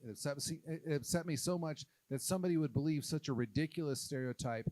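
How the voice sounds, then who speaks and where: A man from Oklahoma doing a stand-up comedy set on a live stage, talking in a halting, self-deprecating way with many "uh" fillers. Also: on the high side, darkish tone, no room sound. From Oklahoma, USA.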